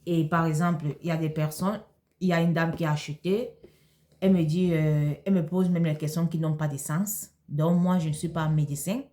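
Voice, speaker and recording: A woman's voice: sits low, fairly even intonation, a little fast, dark tone. A woman from Cameroon, talking casually in a vlog and answering viewer questions in a hesitant way, with many fillers and restarts. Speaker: vlogger.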